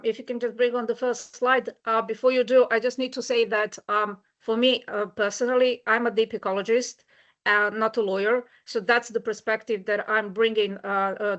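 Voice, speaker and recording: A woman's voice: on the high side, a bit bright. Earnest Serbian woman on a lo-fi video call. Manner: frequent hesitations, earnest and personal. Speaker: webinar speaker, rights of nature advocate. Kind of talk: online webinar talk.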